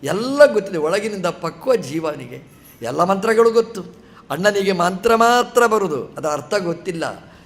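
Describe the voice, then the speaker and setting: A man delivers a storytelling sermon in a high, light voice. He recounts a scripture tale, stopping to ask the listeners rhetorical questions and briefly voicing the characters' words. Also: expressive, normal speed. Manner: narrates a scripture story, acts out short dialogue and asks rhetorical questions. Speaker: religious teacher giving a discourse.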